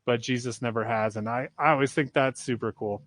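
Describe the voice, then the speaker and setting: A man's voice: medium pitch, brisk, fairly bright tone. Informal, slangy male podcast host. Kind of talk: casual chat.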